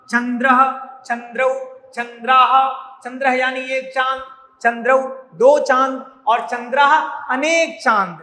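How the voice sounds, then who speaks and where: A male teacher with a very high, bright voice, speaking, runs a classroom lesson. He says each word slowly, repeats it, and quizzes his pupils on it. The sound rings with a long, roomy echo. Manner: repeats words slowly, drilling with questions. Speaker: Sanskrit teacher. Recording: echoey room.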